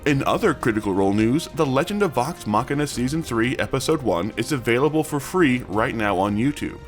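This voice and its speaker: A man's voice: mid-range voice, lively intonation, a little fast. Male news host over background music. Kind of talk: scripted news narration. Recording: music bed under the voice.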